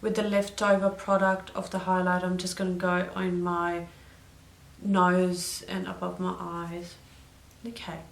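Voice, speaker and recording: A woman's voice: lowish voice, monotone, unhurried, gravelly. A young woman chatting through a makeup tutorial, drifting into side stories and correcting herself as she goes. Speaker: beauty vlogger. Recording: roomy echo.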